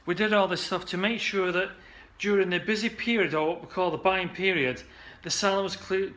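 Talking straight to camera in an indoor studio office, an upbeat man coaches salons on marketing in a casual pitch. His voice is pushed and bright, and his chatty delivery is full of restarts and "uh"s.

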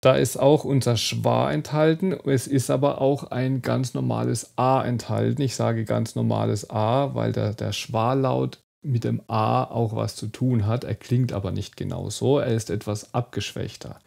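A man gives an online German lesson, working through pronunciation step by step. He talks slowly and demonstrates each sound with care. His voice carries a noticeable gravelly fry. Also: medium pitch, steady tone, darkish tone. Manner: slow, careful demonstration of sounds. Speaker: German teacher.

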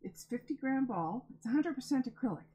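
A woman's voice: sits high, lively intonation, fairly quick, mellow, slightly rough, low-quality recording. A woman hosting a crafting vlog, unboxing donated yarn in a gushing, emotional, chatty way, close to tears. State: near tears. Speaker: crafting channel host.

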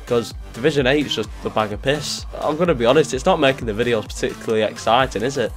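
A young man commentating his football video game in an excitable, jokey way, swearing often and breaking into sudden shouts. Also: mid-range voice, quick pace, faint music behind. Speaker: gaming youtuber.

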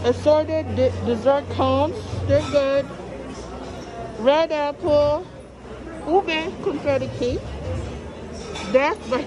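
Filmed on a handheld phone, the recording is rough, and the woman's voice sits high. She's a vlogger touring a buffet in a large, crowded indoor restaurant, keeping up an enthusiastic, chatty commentary full of repetition. Background music and the chatter of diners surround her.

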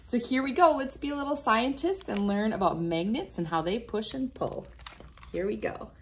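Here a woman in her thirties reads a science book aloud and demonstrates for children, encouraging the young viewers she speaks to directly. Her voice is a little high with lively intonation and a moderate pace, over a faint hiss or hum. She is filmed by a device camera around arm's length away, in a small wood-panelled room by a window.

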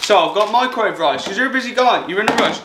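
A man's voice: high-pitched, lively intonation, quick pace. Chatty young man in an echoey kitchen. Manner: chatty, upbeat, talking to camera while cooking. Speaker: fitness vlogger. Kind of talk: casual how-to vlog. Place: small home kitchen. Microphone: camera mic from across the room. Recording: echoey kitchen with clear background noise.

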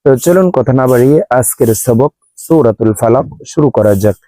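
A man teaching Quran recitation step by step, spelling out letters and vowel marks slowly, then chanting each verse long and drawn out. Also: mid-range voice, warm tone, no echo.

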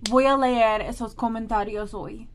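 Speaking slightly slowly with a steady tone and fairly high pitch, the same American woman talks to her camera in a small room. She's a thirtysomething vlogger from New Jersey, casual and expressive, and a little background noise can be heard.

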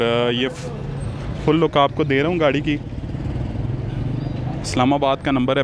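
Guy in his 30s doing a used car walkaround, peppy sales patter, holding a lapel mic, loud street noise behind. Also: mid-range voice. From Pakistan. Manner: upbeat, repetitive salesman patter, urging viewers to check every part. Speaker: car vlogger. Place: outdoor used car market. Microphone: lapel mic held in hand, selfie camera. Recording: outdoor traffic and crowd noise.

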